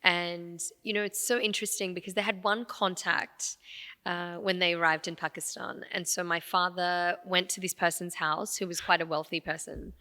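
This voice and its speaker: A woman's voice: on the low side, moderate pace, in a large hall. A woman from Afghanistan, a guest on a podcast, telling her family's story in a casual interview, with many fillers and asides. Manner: warm, animated storytelling with frequent fillers. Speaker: podcast guest, radio presenter.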